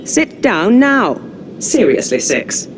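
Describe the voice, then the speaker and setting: An actress playing a bossy, sharp-tongued female superior in a video game, with a commanding, brisk manner. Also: medium pitch, sing-song, noisy background. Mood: exasperated. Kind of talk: video game character acting.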